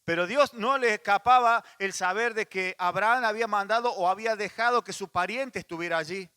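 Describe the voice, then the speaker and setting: A man's voice: high voice, brisk, pushed and bright, clean tone, no room sound. A male pastor with a Rioplatense Spanish accent, preaching a sermon in a conversational way, with frequent restarts and asides to the congregation.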